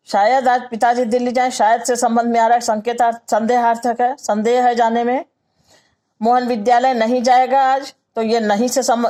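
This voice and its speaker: Her pitch is fairly high and her tone mellow, and she has a Hindi accent. In a patient grammar lesson, this woman reads examples at a slow pace, then explains them one by one.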